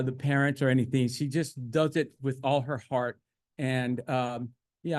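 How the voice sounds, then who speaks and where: A man speaks haltingly at a board meeting, searching for words with many pauses and fillers. The recording is dry and close, with little room sound. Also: mid-range voice, a little mellow, no room sound. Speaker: school bus driver and maintenance worker. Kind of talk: public comment at a board meeting.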